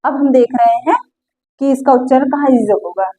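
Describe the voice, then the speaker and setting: Woman, high-pitched, teacher, patient, step-by-step explanation, repeats examples. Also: moderate pace, warm tone, low-quality recording. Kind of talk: classroom lesson explanation.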